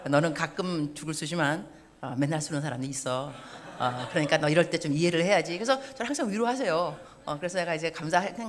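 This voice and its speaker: Fifties woman missionary preaching, jokey and self-mocking, voice bouncing all over. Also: on the low side. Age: 50s. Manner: lively, joking and self-mocking. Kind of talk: sermon. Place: church service.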